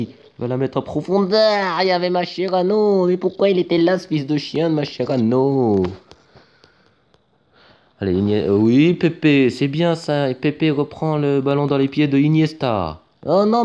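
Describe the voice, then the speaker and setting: A man commentating his own football video game match in a casual, excitable way, rising to shouts at big moments, with lots of fillers. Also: a little high. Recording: dull lo-fi home mic with faint noise.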